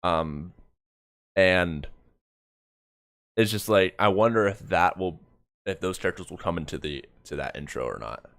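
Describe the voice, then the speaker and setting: A man streaming a review of an animated comic talks at a measured pace in a low-sitting, fairly bright voice, pausing often. He rambles through casual reactions and corrects himself mid-thought, trailing off. The audio is studio quality with no echo.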